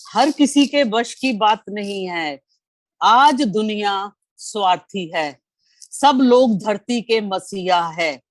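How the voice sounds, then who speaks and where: A woman's voice: mid-range voice, no room sound. Effusive woman critiquing poems on a dry line. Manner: effusive, exclaims, quotes lines with feeling. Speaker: poetry session reviewer.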